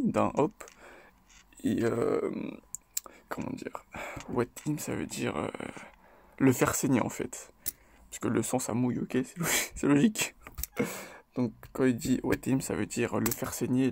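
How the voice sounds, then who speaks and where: A man hosting his own video, talking through rap lyrics in a loose, chatty way, hesitating often and tagging his points with quick check-ins. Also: medium pitch, vocal fry, a little mellow, breathy edge. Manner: loose and chatty, tags lines with "ok?" and "voilà"; hesitant, with frequent fillers and restarts. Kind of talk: casual spoken commentary.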